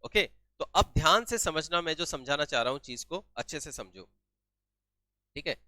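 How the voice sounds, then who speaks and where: Guy teaching accounting, a bit high pitched, keeps repeating the key words and asking if it's clear. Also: expressive, normal speed, sharp tone. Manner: asks questions and answers them himself, repeats key terms. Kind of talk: classroom-style lesson.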